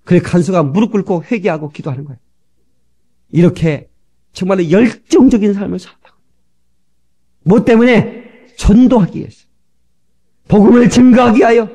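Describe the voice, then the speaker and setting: A middle-aged male pastor preaching a fervent sermon, shifting from soft asides to sudden shouts and acting out the people he quotes, on an old cassette tape recording. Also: high voice, moderate pace, pauses often, husky.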